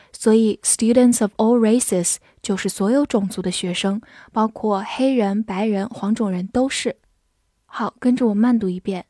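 A woman who is a native Chinese speaker, teaching English vocabulary, calmly explaining and spelling words letter by letter, with slow read-alongs. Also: mid-range voice, dry recording, studio quality.

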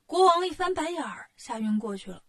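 A woman telling a children's story in a lively way, with a husky voice. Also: on the high side, fairly quick. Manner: lively, acts out the characters.

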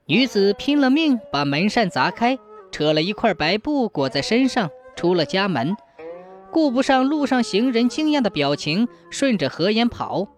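Woman storyteller, animated pitch, expressive narration, faint music behind. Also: normal speed.

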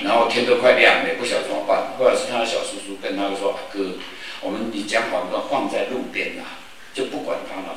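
Fast-talking older man in echoey hall. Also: on the low side. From Taiwan. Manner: lively storyteller who acts out quoted voices. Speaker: forum speaker. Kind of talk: storytelling public talk. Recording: echoey hall, distant mic, background noise.

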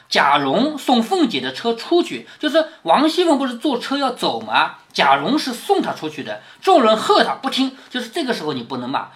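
A man reading a classic novel aloud to his daughter and explaining it in plain words as he goes, often checking in with "isn't it?" and dropping low and soft on those questions. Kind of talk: explanatory read-aloud storytelling.

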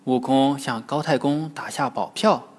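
A man narrating a classic tale for children in an expressive storytelling manner. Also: medium pitch, a little slow. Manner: lively, expressive. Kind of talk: scripted narration.

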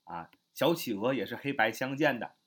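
Male vocab teacher, mid-pitched and animated, repeats and spells every word, tacks "ah" onto his phrases. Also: husky. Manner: spells words letter by letter and repeats them slowly; adds the filler "啊" to the ends of phrases. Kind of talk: spoken vocabulary lesson.

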